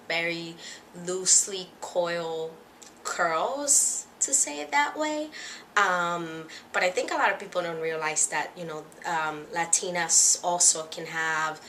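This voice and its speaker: A young woman from the Dominican Republic talks to camera in a casual first vlog, pausing often with fillers and sounding a little nervous. Her voice sits a bit low yet has a bright, forward edge. Faint background noise is heard behind her. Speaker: vlogger.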